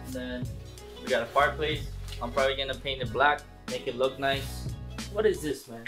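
A young vlogger in his twenties gives a relaxed tour of an empty basement suite, holding the camera at arm's length and chatting with viewers. His medium-pitched voice moves at a moderate pace, with music playing in the background.

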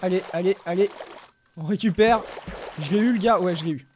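A man giving live gameplay commentary as a gaming YouTuber, chatting steadily and breaking into shouts and yelps during fights. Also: sits high, fairly quick, background noise.

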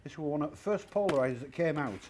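Fast and animated, his voice sits fairly high yet has a darkish tone, with a little hiss or hum in the audio. This chatty, plain-spoken secondhand shop owner in his fifties is interviewed in a large indoor furniture warehouse, walking through old items' prices step by step.

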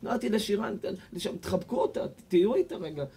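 A man, a rabbi with an Israeli accent, preaching a sermon and retelling stories, building up to near shouts. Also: sits high, animated, creaky, slightly rough. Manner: impassioned storytelling, rising to near shouts.

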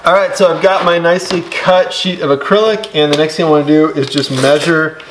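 A middle-aged man walks through a DIY build in a relaxed, step-by-step way, dropping casual fillers as he goes. His voice sits a little high for a man. The sound is roomy and echoey, with clear noise from the garage workshop behind him. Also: fairly quick. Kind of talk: casual how-to instruction. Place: home woodworking garage workshop.

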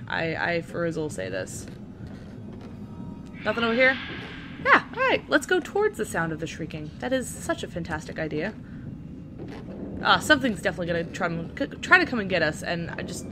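A woman's voice: on the low side, sing-song, fairly quick, background noise. A young woman doing let's-play commentary, sarcastic, swearing and talking back to the game characters. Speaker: gaming channel host.

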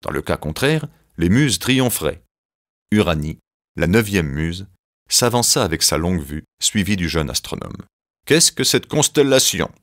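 Deep-voiced man narrating a storybook. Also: normal speed. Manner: expressive storytelling.

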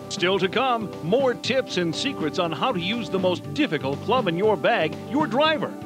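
An American man reading scripted infomercial narration with a hard-selling home shopping pitch. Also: very animated, moderate pace. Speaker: infomercial announcer. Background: music behind the voice.

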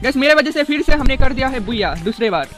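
A young man giving excitable, casual commentary over gameplay, repeating words in rapid bursts. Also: very high voice, soft background music. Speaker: gaming YouTuber.

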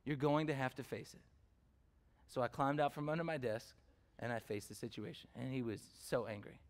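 A man's voice: medium pitch, steady tone, a little fast. Conversational male pastor preaching. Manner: conversational, uses fillers and asks the congregation questions. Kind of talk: sermon with personal storytelling.

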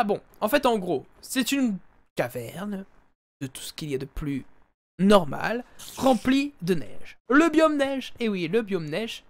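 This high-pitched man is a let's play streamer, chatting live over his gameplay through a headset and frequently greeting viewers as ladies and gentlemen.

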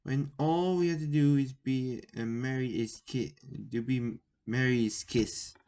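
A man's voice: medium pitch, fairly even intonation, measured pace, mellow, natural voice. A lovestruck young mermaid speaks sweetly and a little impatiently, as a man reads her lines aloud. She is voiced plainly, like a storybook read at home, with the odd stumble over words. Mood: eager.

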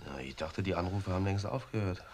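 A man's voice: sits low, brisk, close to an everyday voice. An actor playing a courteous, suave middle-aged businessman in a TV drama. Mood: intimate, placating. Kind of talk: screen drama acting. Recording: faint noise, old TV soundtrack.

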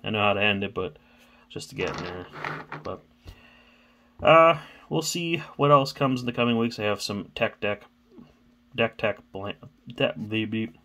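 A low-pitched man with a gravelly, creaky voice chats casually as he hosts his own vlog. He rambles and stammers a little, thinking out loud. Faint room ambience sits behind him. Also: unhurried, long pauses, slight background noise. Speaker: card-opening channel host.

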